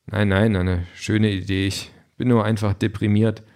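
A weary, downbeat man, as a narrator puts him on, lower and quieter than the narrator's own voice. He mutters short, tired replies, an audiobook character. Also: little pitch movement, takes it slowly. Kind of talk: audiobook reading.

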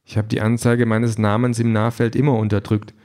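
A sheepish young man, voiced by a male reader close to his own low voice. He speaks hesitantly and a little mumbled, an unassuming audiobook character. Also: flat delivery, fairly quick, a little mellow, lightly acted.

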